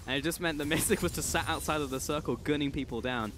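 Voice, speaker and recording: A man doing live play-by-play commentary of an esports match, with an excitable manner. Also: fairly high pitch, fast, a little hiss or hum.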